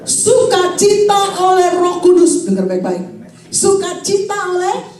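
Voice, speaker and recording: A woman in her forties, a pastor preaching a lively sermon and calling out to her congregation. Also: extremely high pitch, a little slow. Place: church hall. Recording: echoey hall, voice from far off.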